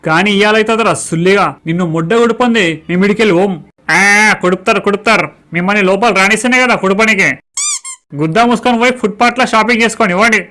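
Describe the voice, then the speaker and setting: A man's voice: high-pitched, very fast, sharp tone. A man, swearing through brash banter in a comic skit. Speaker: comedy skit performer. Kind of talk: crude comic skit dialogue.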